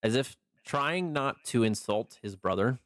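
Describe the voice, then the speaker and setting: A man narrating a tabletop game as game master, improvising haltingly with many mid-sentence pauses. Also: medium pitch, lively intonation, fairly bright tone, no room sound, clean studio sound.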